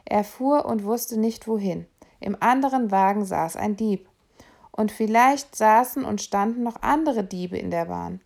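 A woman narrating a children's novel aloud in a steady, expressive storytelling manner. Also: medium pitch, measured pace, creaky. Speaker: reader.

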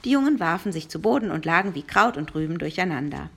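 A woman narrating a children's adventure novel with lively storytelling. Her voice sits fairly low for a woman. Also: fast, breathy edge. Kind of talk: reading a children's novel aloud.

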